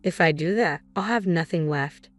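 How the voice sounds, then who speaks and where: A woman voicing a desperate, angry husband in his fifties who shouts and pleads, in a spoken story. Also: a little high, moderate pace, no room sound, natural voice. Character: angry desperate middle-aged husband, whining.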